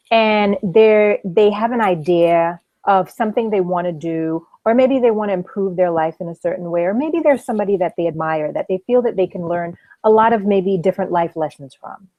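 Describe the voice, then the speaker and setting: A woman's voice: mid-range voice, expressive, moderate pace, dry recording. Woman interviewer, dull lo-fi sound. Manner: earnest, thoughtful questions. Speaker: interview host. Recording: dull, slightly lo-fi.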